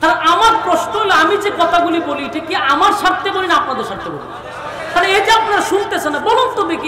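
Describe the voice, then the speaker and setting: A preacher giving an Islamic sermon, chanting verses in a drawn-out way and throwing rhetorical questions at the audience. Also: male voice, very high voice. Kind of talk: Islamic sermon at an outdoor gathering. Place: large open-air religious gathering. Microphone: public address microphone. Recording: roomy, echoey PA sound from far, with crowd and noise.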